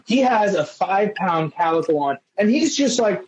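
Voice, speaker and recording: High, lively man telling fishing stories. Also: moderate pace, lo-fi sound, background noise. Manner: excitable, acts out quotes in a raised voice. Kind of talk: casual chat, animated storytelling.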